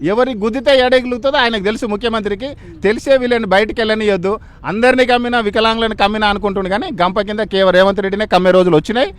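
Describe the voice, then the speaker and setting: Fiery fast-talking Telangana man. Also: high-pitched, fairly even intonation. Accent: Telangana Telugu. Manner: angry, defiant, shouting accusations. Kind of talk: street interview.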